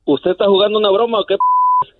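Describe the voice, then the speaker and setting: A man voicing an annoyed male seafood shop clerk, talking gruffly and impatiently over the phone. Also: sits high, wildly swooping pitch, fairly quick, full character voice. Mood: irritated. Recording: tinny phone line, noisy.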